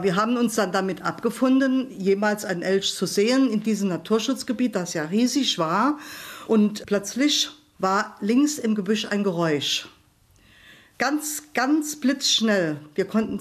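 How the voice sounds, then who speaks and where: Woman telling a suspenseful travel story. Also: medium pitch. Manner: vivid storytelling, speeding up and slowing for suspense. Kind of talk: spoken anecdote.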